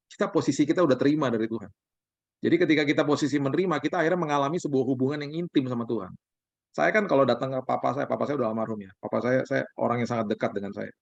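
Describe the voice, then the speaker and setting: Pastor, male, brisk conversational sermon, muffled call audio. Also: medium pitch, creaky, dry recording. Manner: relaxed, conversational preaching with acted quotes. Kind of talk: sermon-style sharing over video call. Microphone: video call. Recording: dull lo-fi video call audio.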